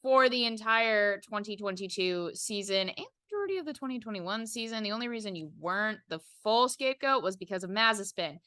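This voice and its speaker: Emphatic young woman, bright dry voice. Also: mid-range voice, animated, fairly quick, few pauses, dry recording. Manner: emphatic, opinionated ranting. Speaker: podcast co-host. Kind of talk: casual chat.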